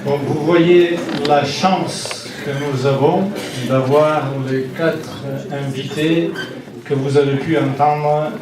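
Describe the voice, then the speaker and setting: A man moderating a public meeting, speaking slowly and haltingly with many restarts. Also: a little high, fairly even intonation. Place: large meeting hall. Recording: echoey hall, crowd, from far off.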